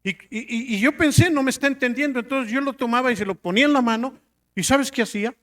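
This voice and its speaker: A middle-aged man preaching a sermon to a congregation, asking rhetorical questions and swinging between loud emphatic lines and quiet drops. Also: extremely high pitch, fast talker.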